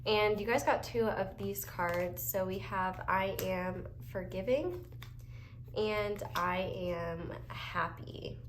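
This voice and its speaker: Taking it slowly in a mid-range voice, the young woman offers a chatty, upbeat pick-a-card tarot reading while getting over a cold, filling it with fillers. There's a little hiss or hum in the echoey, faintly ambient room.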